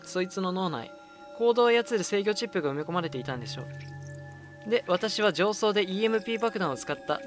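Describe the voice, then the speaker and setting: A man's voice: high voice, fast talker. A man voicing a cold, sneering female villain. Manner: calm, sneering, taunting delivery. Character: cold mocking female villain, cruel and vengeful. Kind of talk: reading game dialogue aloud. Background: game music.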